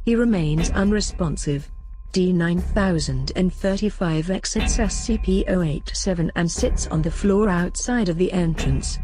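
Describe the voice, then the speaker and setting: Woman narrator, scripted report, steady clinical reading, mellow tone, faint music. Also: fairly low pitch.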